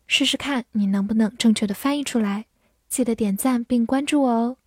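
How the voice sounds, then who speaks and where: A woman teaching English vocabulary in a patient, clear manner, slowing down to model each word and sentence. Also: fairly high pitch, a little mellow, no room sound, clean studio sound. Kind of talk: vocabulary lesson.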